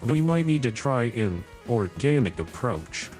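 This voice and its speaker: Through a morphing voice changer, a man plays a male AI companion in a tabletop game who is prim and excessively courteous, speaking in stiff, formal phrasing with occasional slips. His mid-range, darkish voice is very animated yet measured in pace, over soft background music.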